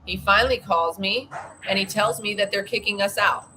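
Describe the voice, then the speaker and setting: A woman's voice: medium pitch, normal speed, noisy background. A woman, co-hosting a podcast and telling a story in an indignant, profane way. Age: 40s. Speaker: podcast co-host. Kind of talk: casual chat.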